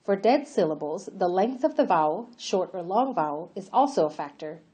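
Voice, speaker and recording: A woman giving a clear, listed summary in a scripted language lesson. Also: on the low side, expressive, moderate pace, mellow. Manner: clear, enumerating summary delivery. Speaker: language instructor. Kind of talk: scripted narration.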